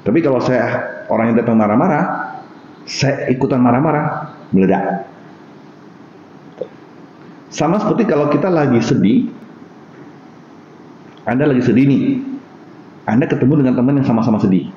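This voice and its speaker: Podcast guest: a man with a North Sumatran Indonesian accent, mellow and steady, explains patiently and acts out quarrels; roomy, dull recording. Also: medium pitch, normal speed, long pauses, a little hiss or hum. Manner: explains calmly with everyday examples, acts out angry exchanges. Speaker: podcast guest speaking on Buddhist practice. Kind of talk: casual podcast conversation.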